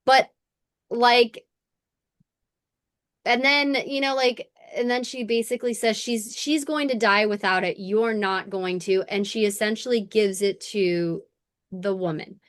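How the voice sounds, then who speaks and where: A woman's voice: mid-range voice, a little slow, clear, resonant tone, dry recording, clean studio sound. A woman co-hosting a podcast, chatting casually and animatedly about a TV episode, swearing freely and acting out the scenes. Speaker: podcast co-host. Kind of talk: casual recap chat.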